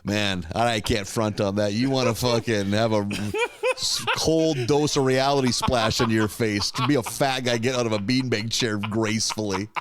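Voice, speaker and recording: A man's voice: mid-range voice, normal speed, a little hiss or hum. A man co-hosting a podcast in casual comedic chat, laughing often and joking crudely with plenty of swearing. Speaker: podcast co-host.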